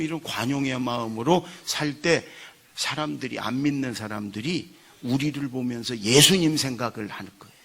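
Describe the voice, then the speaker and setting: A male pastor preaching a sermon in church, telling stories with acted-out quotes and building to loud emphasis. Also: a little high. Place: church sanctuary.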